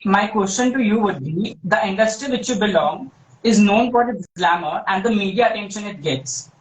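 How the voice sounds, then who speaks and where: Student on a video call, muffled as through a wall, echoey and polite. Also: male voice, high-pitched, normal speed, far from the mic. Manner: polite and formal, slightly hesitant. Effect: muffled, as if heard through a wall. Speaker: student asking a question. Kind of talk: formal question on a video call.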